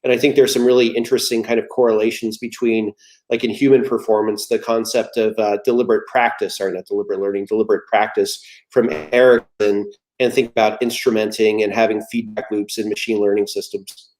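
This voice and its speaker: A man's voice: lowish voice, flat delivery, brisk, a little mellow. Easygoing man telling stories. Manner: easygoing storyteller, explaining with analogies. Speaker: guest. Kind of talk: casual conversational talk.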